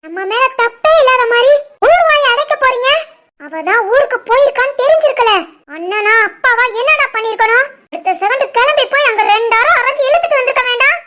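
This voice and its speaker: A woman voicing a furious middle-aged village mother-in-law in an animated family drama, with a Tirunelveli Tamil accent and a shrill, scolding delivery. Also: fairly quick, a little hiss or hum, exaggerated voice.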